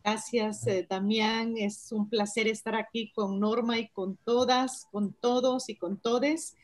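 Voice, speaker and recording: A woman's voice: a little high, steady tone, slow, poor audio. A woman speaking on a video call in an online webinar, giving sincere, affectionate feedback. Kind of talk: heartfelt remarks on a video call.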